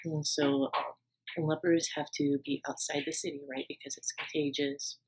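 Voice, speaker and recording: A woman's voice: deep voice, little pitch movement, moderate pace, slight background noise, rough recording. A woman retelling a Bible story in a casual, chatty way, with lots of fillers and asides to the viewer.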